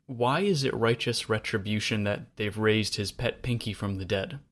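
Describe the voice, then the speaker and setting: Male podcast co-host, casual chat, dry deadpan delivery. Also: lowish voice, normal speed.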